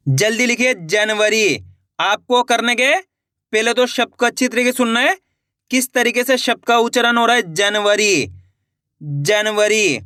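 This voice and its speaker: A man's voice: high-pitched, pushed and bright, clear, resonant tone, no echo, clean studio sound. A man teaching Hindi spelling, sounding words out syllable by syllable, repeating each word and asking his viewers questions. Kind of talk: slow, syllable-by-syllable spelling lesson.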